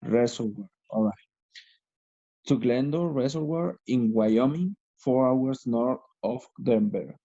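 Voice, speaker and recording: Male student, slow hesitant reader, mellow tone, lo-fi video call sound. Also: mid-range voice. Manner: hesitant reading aloud, asks about words.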